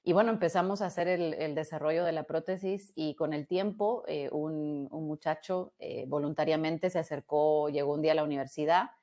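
A woman in her thirties with a Guatemalan Spanish accent, telling her career story in a relaxed, reflective way, often restarting words and adding tag questions, heard through an earbud headset on a video call from a small room. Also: low voice, brisk, hardly any pauses. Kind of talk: casual conversational storytelling.

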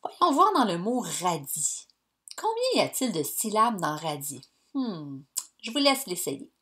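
A woman, teaching young pupils in a slow, clear, encouraging way. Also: on the low side, big pitch swings, fairly bright tone. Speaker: primary school teacher. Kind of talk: recorded lesson for young pupils.

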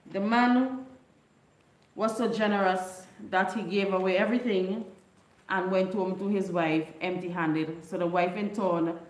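Her living room glowing with neon, a middle-aged livestream host from Grenada chats with viewers in a Grenadian Creole English accent, retelling a folk story and reading their comments. She speaks at medium pitch into a stand-mounted desk mic, and the audio is poor and reverberant.

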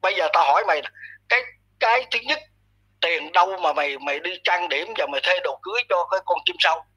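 Male commentator, husky and sharp-edged, blunt scolding rant, talks down to his target. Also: high-pitched, fast talker, rough recording. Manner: blunt, scolding, addresses listener harshly. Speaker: online commentator. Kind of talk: ranting commentary monologue.

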